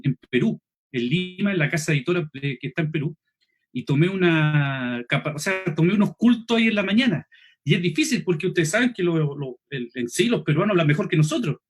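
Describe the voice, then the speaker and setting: Chilean man, high and slightly husky, running an online preaching class; quick, clipped delivery. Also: animated. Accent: Chilean Spanish. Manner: quick, clipped speech, swallows final S, frequent "¿cierto?" checks. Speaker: preaching instructor. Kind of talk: online seminar lesson.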